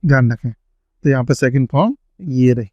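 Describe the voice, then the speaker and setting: A man explains grammar exercises in a patient lesson voice, reading each example sentence slowly and deliberately. His voice sits at an ordinary middle pitch. The recording is dry with no room sound, but dull and lo-fi. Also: mellow, no echo. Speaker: teacher.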